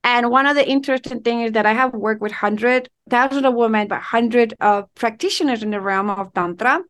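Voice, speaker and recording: A woman from Ecuador, a relationship and intimacy coach, speaking as a guest in an interview, expressive and flowing, stringing words together in slow runs. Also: on the high side. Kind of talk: conversational interview.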